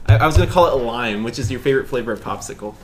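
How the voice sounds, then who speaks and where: A man's voice: mid-range voice, lively intonation, racing, music in the background. A man co-hosting a casual challenge video, teasing his partner and laughing often. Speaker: co-host. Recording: clear background noise.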